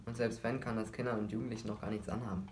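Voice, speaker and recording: A man's voice: lowish voice, little pitch movement, racing, slight background noise, lightly acted. A man voicing a careless teenage boy who brushes off worries in a dismissive, laid-back way.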